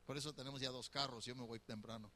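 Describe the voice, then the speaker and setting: A man's voice: medium pitch, steady tone, fast talker, bright, forceful tone, a little hiss or hum. A middle-aged man preaching a conversational sermon as pastor, teasing his listeners and putting questions to them. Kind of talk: sermon on marriage.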